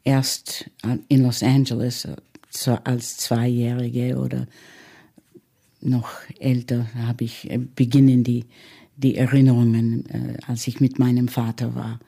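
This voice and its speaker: A woman in her eighties, recalling her father in an interview, speaking slowly with many pauses and fillers. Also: a bass voice, flat delivery, gravelly, dark tone, slightly rough. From United States. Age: 80s. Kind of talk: reminiscing interview.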